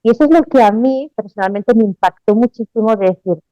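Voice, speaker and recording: Mellow-voiced woman guest. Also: fairly high pitch, brisk, no room sound, lo-fi sound. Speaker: guest, dance mantra teacher. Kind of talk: interview conversation.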